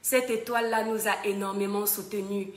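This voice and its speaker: A woman's voice: mid-range voice, level tone, normal speed. A woman hosting a casual live stream, greeting viewers by name and breaking into little bits of song. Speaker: livestream host. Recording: echoey room with music behind.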